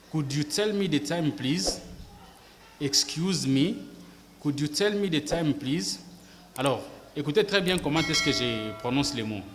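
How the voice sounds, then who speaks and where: A man giving a language lesson to camera, slow and careful, repeating phrases to model pronunciation. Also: medium pitch, fairly bright tone. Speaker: English teacher. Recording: long reverb with faint background noise.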